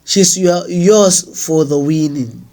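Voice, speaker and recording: A man's voice: fairly high pitch, animated, takes it slowly, a little mellow. A man reading the part of a proud, mocking desert prince with a commanding manner.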